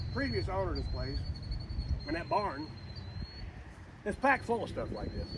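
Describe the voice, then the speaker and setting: A man chatting in a folksy, rambling, joking way for a casual comedic vlog, recorded outdoors in a rural yard. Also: high voice. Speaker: video creator. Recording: loud outdoor background noise.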